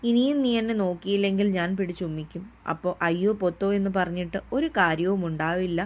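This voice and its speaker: A woman's voice: lowish voice, fast, close to an everyday voice. Woman doing young man, playful lover, teasing, coaxing, storybook romance.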